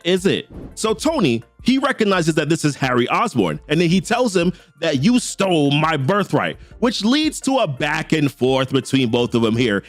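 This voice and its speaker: On a dry recording, a comic book channel host, a young Jamaican-accented man with a slightly high voice, recaps a comic story. His delivery is chatty and slangy, dropping character lines in rapid quotes.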